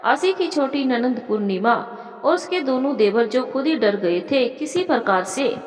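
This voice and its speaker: Woman storyteller, lively melodic read, fairly high voice, roomy echo. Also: moderate pace. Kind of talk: storytelling narration. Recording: echoey room with long reverb.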